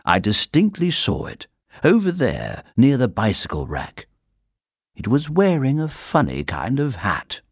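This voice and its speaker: A man playing a flustered middle-aged husband who insists loudly and then hesitates awkwardly. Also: medium pitch, wildly swooping pitch, unhurried, husky, no room sound, studio quality, pitched above the performer's own voice, full character voice. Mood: insistent.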